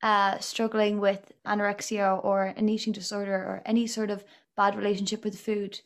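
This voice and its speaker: A woman's voice: medium pitch, level tone, normal speed. A woman with a Galway accent from the west of Ireland, hosting a casual interview in a hesitant, stop-start way. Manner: hesitant, many ums and broken-off phrases. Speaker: podcast host.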